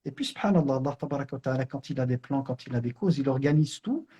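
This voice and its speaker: Middle-aged male teacher; fast, husky, earnest spiritual reminder. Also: mid-range voice, lively intonation, warm tone, lo-fi sound. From Belgium, Brussels. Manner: earnest, conversational storytelling with many fillers. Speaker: online Islamic teacher.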